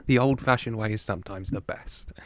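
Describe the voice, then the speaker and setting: A man's voice: on the low side, brisk, very noisy. A man giving casual film reaction commentary as host, chatty and amused.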